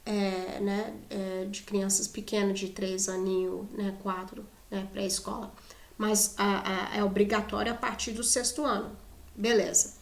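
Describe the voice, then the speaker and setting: A woman's voice: medium pitch, little pitch movement, unhurried, gravelly, roomy sound. A Brazilian woman teaching English in casual Portuguese, chatty, often adding "né?" and restarting words. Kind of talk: casual video lesson.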